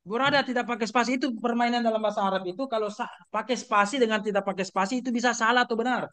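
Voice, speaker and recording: A middle-aged Indonesian-accented man lectures an online class, his voice pitched high and bright. He keeps questioning his students and circles back over the same points, filling the gaps with short fillers, all heard through a video call. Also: steady tone, very fast. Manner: questioning, repetitive teaching with many fillers.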